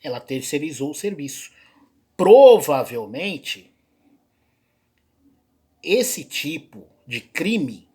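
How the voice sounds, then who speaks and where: A man hosting a reaction video, talking in loose, rambling commentary with frequent fillers and pauses. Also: a little high, darkish tone, slightly rough. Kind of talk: casual spoken commentary.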